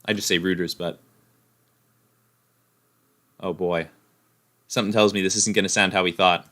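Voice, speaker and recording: A man's voice: deep voice, fairly even intonation, normal speed, a bit bright. A man hosting a live stock-market stream, chatting casually and reading out viewer comments, thinking aloud as he goes. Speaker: stock livestream host.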